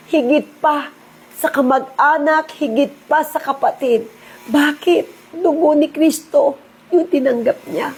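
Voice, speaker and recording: A middle-aged woman, giving a personal testimony in an earnest, preachy and emotional way. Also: high-pitched. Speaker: insurance agent sharing testimony.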